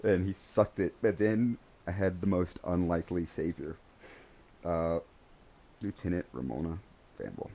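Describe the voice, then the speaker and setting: Deep-voiced man telling animated stories. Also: moderate pace. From United States. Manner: animated storyteller, acts out voices in quotes. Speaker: podcast host, former police officer. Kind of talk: casual storytelling chat.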